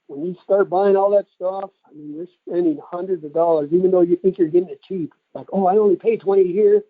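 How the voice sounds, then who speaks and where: A middle-aged American man with a slightly high voice gives a folksy, rambling product pitch as an informal testimonial on a telephone conference call, speaking fairly quickly. The dry recording comes through a telephone as a thin, tinny, band-limited phone line.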